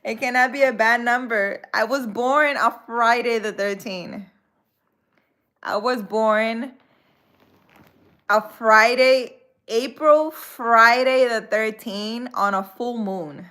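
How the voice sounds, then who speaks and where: A spiritual healer from the Dominican Republic hosts a live stream, chatting casually with viewers, laughing often, and dropping in Spanish words. Her voice is a little high and sharp, and she speaks slowly.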